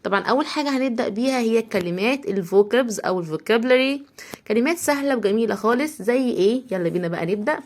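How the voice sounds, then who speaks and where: An Egyptian woman teaching English words to young children, with a voice pitched a little high. She breaks each word into small sounds, stretches them out slowly, and says every word several times. She keeps asking the listener to say the words along with her. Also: animated. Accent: Egyptian Arabic. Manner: has the listener repeat after her. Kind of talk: spelling-out vocabulary lesson for children.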